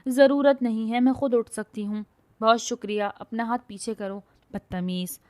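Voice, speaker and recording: A hot-headed young woman with a loud, scolding tongue, forever bragging and bossing people around, as a woman storyteller puts her on. Sharp-edged and quick to snap in an audio storybook. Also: mid-range voice, little pitch movement, natural voice. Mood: furious. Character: feisty bossy young woman, quick-tempered.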